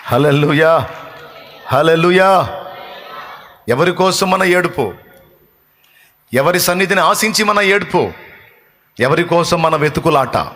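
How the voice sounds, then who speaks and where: A male pastor preaches a sermon with emphatic, repeating rhetorical lines. His voice sits fairly high and sounds bright and forceful, and it rings with a long hall reverb.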